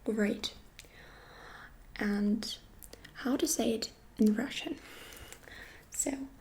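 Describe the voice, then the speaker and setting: A woman giving a whispered ASMR lesson, speaking gently and softly and repeating each short phrase several times. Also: fairly high pitch, very slow, slight background noise. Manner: gentle, soft-spoken. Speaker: ASMR creator teaching phrases.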